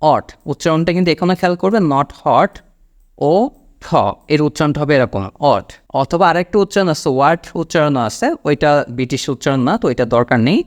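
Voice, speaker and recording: Man teaching English, fairly high voice. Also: expressive. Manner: explains slowly, reads English example lines aloud deliberately. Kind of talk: spoken English lesson in Bengali.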